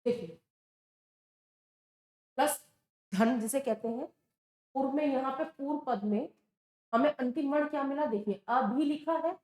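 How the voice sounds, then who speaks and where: A woman teacher explains grammar at an unhurried pace, pausing to ask questions and then answer them herself. Her voice sits high. It rings in an echoey classroom. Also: a little mellow. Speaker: Sanskrit teacher. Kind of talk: exam-prep lesson at a board.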